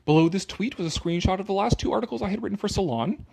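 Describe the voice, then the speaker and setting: A man reads an article aloud sarcastically and dramatically, breaking away for casual, opinionated and mocking commentary with some swearing. His voice sits high and moves fast, with vocal fry and a darkish tone, and a little hiss or hum can be heard.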